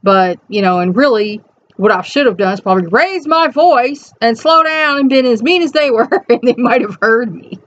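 A middle-aged woman speaks a little slowly in a high, soft voice, hosting a casual reflective chat to camera where she reads and comments on an inspirational reflection. She's in a small, cluttered room at home, and the webcam sound is dull and lo-fi.

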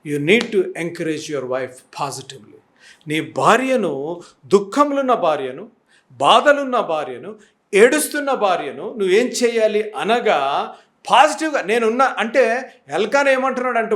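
A pastor preaching a sermon with emphatic delivery, asking rhetorical questions and mixing in English phrases. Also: male voice, high voice, lively intonation, a little slow, a bit bright.

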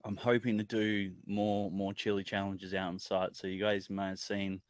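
A man's voice: low-pitched, little pitch movement, moderate pace, smooth, dry recording, studio quality. A man in his thirties with an Australian accent, chatting casually in a laid-back, blokey way on a livestream. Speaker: chilli challenge livestream guest. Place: indoors at home, on a video call.

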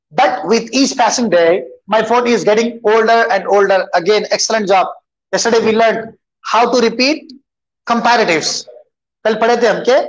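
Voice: medium pitch, muffled recording. An English teacher with an Indian accent gives an online grammar lesson. The teacher reads students' sentences aloud and explains them patiently, switching into Hindi.

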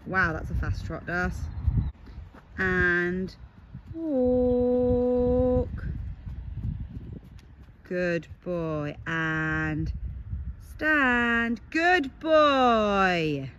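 A young woman, slightly hoarse from a recent illness, chatting casually while working her horse outdoors. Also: very slow, long pauses, lo-fi sound, a little hiss or hum. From England. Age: young adult. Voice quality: softer than her usual voice. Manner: chatty, coaxing horse commands, lively pitch. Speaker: horse owner vlogging.

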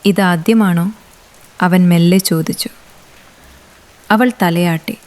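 A woman reading a romance story aloud as scripted narration, with a measured, unhurried delivery. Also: medium pitch, a little mellow.

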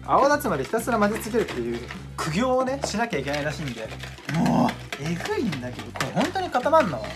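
A young man, chatting excitably and casually while cooking at home for his vlog. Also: sits high, fast talker. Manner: excitable, chatty, exclaims often. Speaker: vlogger. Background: background music.

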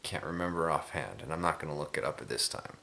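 A man's voice: rumbling low, fast talker, gravelly, pushed and bright. A man in his twenties chatting casually to camera, rambling in a weary, drowsy, hesitant way. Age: 20s. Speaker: video blogger. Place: small room indoors at home.

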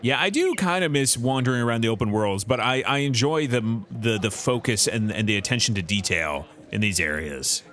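A man's voice: mid-range voice, expressive, brisk, hardly any pauses, fairly bright tone. A man streaming a detective game live, thinking aloud about clues with frequent restarts.

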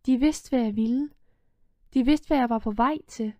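A young woman narrates a first-person audiobook with a fairly high, mellow voice. Her reading is calm and measured, sinking to a near hush in the tense passages. The recording is dry and close. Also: no room sound.

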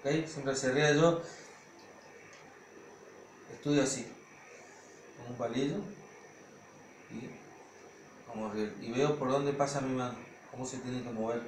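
A man's voice: mid-range voice, unhurried, pauses often, slight background noise. A man teaching drum technique, explaining step by step and counting beats aloud. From Argentina. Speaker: percussion teacher. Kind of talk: hands-on drum technique lesson. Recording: echoey room with loud drumming.

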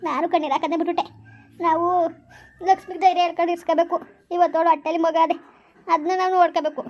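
A woman's voice: very high-pitched, flat delivery, rapid-fire, a little mellow, lo-fi sound. A woman playing a consoling village mother-in-law. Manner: insistent reassuring. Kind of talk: village family drama.

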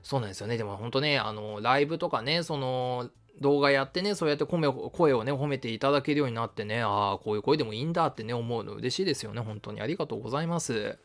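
A man from Shizuoka hosting a history live stream, reading viewer comments in a casual, friendly way with lots of fillers. He calls his own voice fairly high. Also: fast talker, few pauses. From Shizuoka, Japan. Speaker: history channel host.

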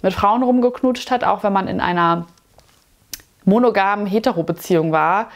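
A woman's voice: mid-range voice, moderate pace. Chatty, opinionated woman reacting to a show. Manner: chatty, opinionated, sarcastic asides. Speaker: YouTube commentator. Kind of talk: casual reaction commentary. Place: small dim room with lamps, indoors.

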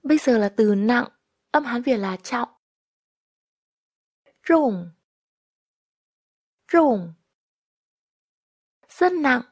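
Lady teacher doing repeat-after-me drills, higher voice, real slow and patient. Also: darkish tone, slightly rough. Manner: slow, patient, repeats each phrase twice. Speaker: language teacher. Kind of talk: listen-and-repeat language lesson.

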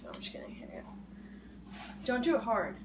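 On a very noisy home video, a woman hosting a challenge vlog talks fairly quickly, her high-leaning voice swinging hugely in pitch. Her casual chat includes slangy, muttered asides.

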